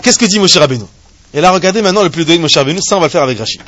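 A man teaching a live Torah class to a small group of students, animated and joking, asking rhetorical questions as he explains a text. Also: on the high side, racing.

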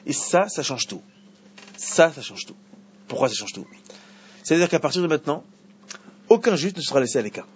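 A man teaching an evening Torah class to a small group, animated, with bursts of emphatic preaching. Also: fairly quick, long pauses, breathy edge. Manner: animated, rises to emphatic high preaching at key points, interacts with listeners. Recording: dull lo-fi recording with faint background noise.

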